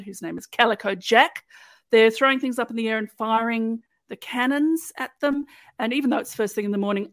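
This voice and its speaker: A woman's voice: mid-range voice, vocal fry, no room sound. Chatty woman host recapping a show. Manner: playful, chatty, storytelling. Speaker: podcast host recapping episodes. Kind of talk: casual chat, episode recap.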